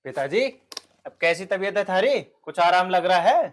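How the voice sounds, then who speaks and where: Give me a heartfelt young villager with a slightly high voice. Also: male voice, expressive, normal speed, soft background music. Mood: respectful. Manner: earnest, heartfelt. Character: reformed young village man, earnest and devoted. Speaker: headman's son, laborer. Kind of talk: rural comedy film acting.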